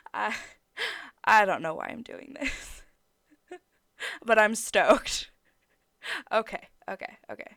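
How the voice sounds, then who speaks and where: A woman's voice: medium pitch, lively intonation, very slow, creaky, long pauses, fairly bright tone, no room sound. Giggly young woman gaming host. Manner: giggly, gushing and frank, with swearing. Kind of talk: casual gameplay commentary.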